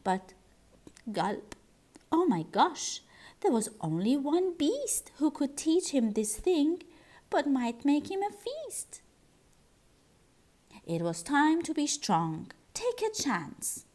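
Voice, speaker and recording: A woman reading a rhyming children's picture book aloud in an expressive, sing-song storytelling style. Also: high-pitched, takes it slowly, long pauses.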